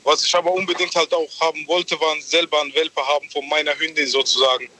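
A young caller phones in from his car over the hands-free system, his voice sometimes a little distant from the microphone. He sits a bit high and sounds very bright. He tells his story in a halting, rambling way, from southwest Germany. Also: little pitch movement. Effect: phone call through a car hands-free speaker system, at times distant from the mic. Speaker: radio call-in caller.

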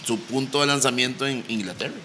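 Very bright-voiced man. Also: medium pitch, a little fast, slight background noise. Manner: adds brief comments. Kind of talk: casual podcast chat.

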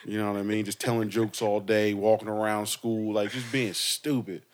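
Young man, fairly low voice, podcast co-host, casual chat, slangy and animated storytelling. He speaks in an easygoing way and keeps the stories rolling. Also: normal speed. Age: young adult.

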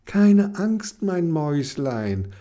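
A man's voice: fairly high pitch, big pitch swings, unhurried, dark tone, pitched above the performer's own voice, heavily acted. A man voicing a caring, stubborn young girl in a children's storybook, in a raised, sweet voice. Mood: tender.

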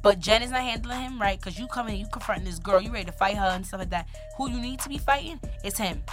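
A woman's voice: medium pitch, quick pace, over music. A woman co-hosting a casual gossip chat, blunt, brash and profane. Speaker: co-host.

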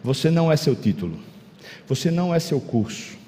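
A man's voice: a little high, sing-song, a little fast, dark tone, big-room sound. A man preaching a sermon, dramatic, firing rhetorical questions and acting out little scenes.

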